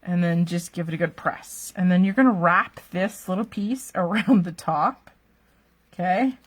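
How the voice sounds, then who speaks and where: Slow-talking chatty craft instructor woman. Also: on the low side. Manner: chatty, laughs often, keeps asking "okay?". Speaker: card-making instructor. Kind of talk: live-streamed craft demonstration.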